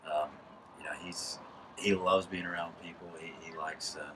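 A man in his thirties, a high school baseball coach, talking casually in a postgame interview from a press box, with many restarts. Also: little pitch movement, normal speed. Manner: casual, rambling with restarts and laughs. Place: press box above a lit ballfield at night. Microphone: headset mic. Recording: distant mic with background noise.

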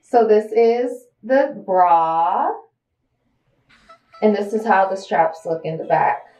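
Excitable young woman in an echoey room. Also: medium pitch, slow. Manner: casual, excitable, chatty. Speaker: beauty and fitness vlogger. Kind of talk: on-camera unboxing. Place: small bare indoor room.

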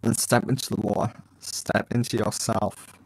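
Man, let's play host, casual commentary, very gravelly, husky, reads dialogue choices aloud. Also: on the low side, flat delivery, normal speed, a little mellow, dry recording, low-quality recording.

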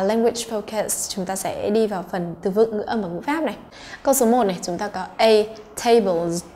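A woman's voice: mid-range voice, darkish tone, a little hiss or hum. A woman English teacher, patiently going through exam answers and checking in with her students.

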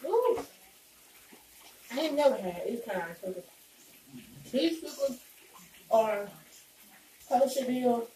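A young woman chats casually between bites, bantering as she goes at a slow pace. Her voice comes from across a small, echoey room, picked up by a distant phone camera with faint noise. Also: fairly high pitch, expressive, warm tone. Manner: talking while eating. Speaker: vlogger. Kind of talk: casual mukbang chat. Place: indoors, small home room. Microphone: phone camera a few meters away.

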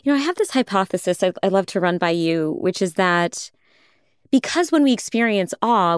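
A woman's voice: medium pitch, clean tone, no room sound, clean studio sound. A woman hosting a podcast interview, talking in a playful, self-deprecating way and laughing often. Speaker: podcast host. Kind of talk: conversational interview.

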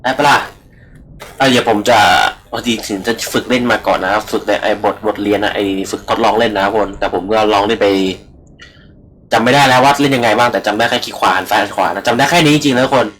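A man's voice: lowish voice, fairly even intonation, fast talker, fairly bright tone, poor audio. A young man giving rambling, casual let's-play commentary into a computer microphone, swearing freely and talking to his viewers. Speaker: gaming channel host.

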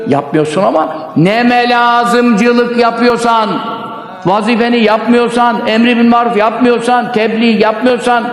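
A male preacher speaks in an extremely high register. His delivery is impassioned and exhorting, built on repeated, everyday phrases. The sound is strongly echoey, with a long hall reverb trailing his words. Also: steady tone, measured pace. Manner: exhorting, repetitive rhetorical phrasing, colloquial. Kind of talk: impassioned sermon with exhortation and prayer.

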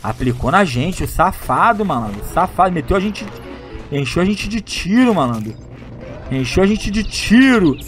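A young man from Brazil with a high-pitched voice. He commentates his game play in a loud, slangy, excitable way, breaking into shouts at big moments. Faint game music plays under his voice. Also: moderate pace. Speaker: gaming YouTuber.

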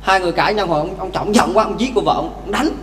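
A man, a Buddhist monk, giving a lively dharma talk with stories, speaking directly to the congregation. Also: high voice, very fast. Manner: lively, addresses audience directly. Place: temple hall. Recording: echoey temple hall, faint hum.

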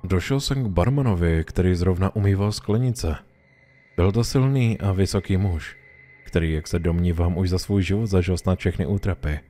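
A man reading a horror story aloud in a calm, measured storytelling voice. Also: deep voice. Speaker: narrator. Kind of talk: scripted horror story narration.

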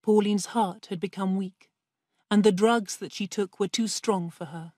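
A woman reads a simple story aloud for language learners. Her delivery is slow and careful, her voice soft and breathy, and the recording is dry and close. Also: mid-range voice, steady tone, no room sound. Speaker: narrator. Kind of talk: slow scripted audiobook reading for learners.

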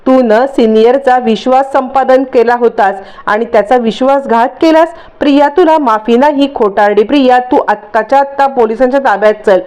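A woman's voice: on the high side, normal speed, hardly any pauses, a little mellow, natural voice. Woman reading a stern, accusing young hero.

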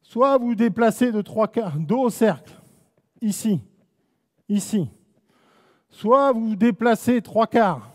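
A man's voice: high voice, expressive, slow, pauses often, a little mellow. A man with a French accent running a live basketball coaching clinic, calling out short commands and teasing players. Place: indoor basketball gym. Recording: long echo of a gym hall.

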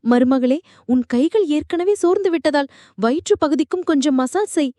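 A woman's voice: sits high, normal speed, mellow, no room sound, clean studio sound, close to an everyday voice. A woman reading the lines of a lonely, widowed older man, her father-in-law in the story, in a pleading, self-pitying way. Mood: coaxing.

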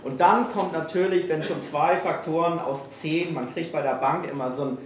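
With fairly even intonation and a moderate pace, a middle-aged Hamburg man with a voice on the high side speaks to a live audience. He is at a failure-stories evening in a small event room, frank and self-mocking but full of hesitations. A distant recording of the room PA leaves the audio echoey with faint noise.

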